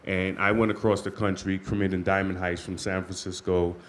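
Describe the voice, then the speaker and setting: A man's voice: low voice, little pitch movement, a little fast, a bit bright. A man in his forties, a program participant, telling his life story on stage in a plain, matter-of-fact way. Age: 40s.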